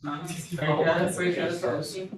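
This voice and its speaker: A man's voice: fairly high pitch, steady tone, fast talker. A male student working through a problem aloud at the board, hesitant and thinking as he goes. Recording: distant, echoey classroom with loud chatter.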